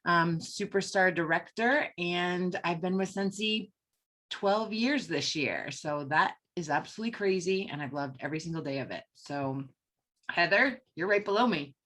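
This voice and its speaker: A woman from Maine living in South Florida, lively and joking on a video-call panel. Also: fairly low pitch, moderate pace.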